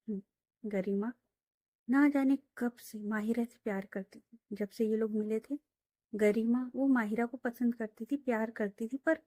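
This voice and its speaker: A woman's voice: a little high, warm tone, dry recording. A woman telling a romance story in a casual, chatty way, full of fillers, into a close mic.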